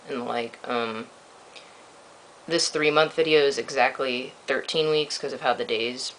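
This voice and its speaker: A man gives a casual video diary in a reedy voice with a bright edge and plenty of creak. He is dry and blunt, quick to put himself down. The sound is amateur camera audio with faint noise behind it. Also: low-quality recording. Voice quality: reedy, slightly squeaky breaking voice. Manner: dry, self-deprecating, blunt. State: sore throat. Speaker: video blogger giving a personal update. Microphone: built-in microphone of an old point-and-shoot camera.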